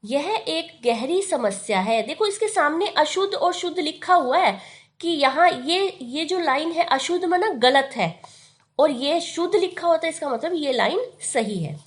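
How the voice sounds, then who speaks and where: High-voiced woman teaching slowly. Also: lively intonation. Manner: patient, repeats words slowly and stresses correct forms. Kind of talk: grammar lesson explaining spelling on a board.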